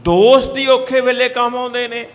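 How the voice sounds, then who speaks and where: This man's voice is extremely high with little pitch movement, delivered at a moderate pace and carrying a big-room sound. He is a katha preacher in a gurdwara hall, explaining Sikh scripture through stories and sung verses and shifting his voice for quoted speakers.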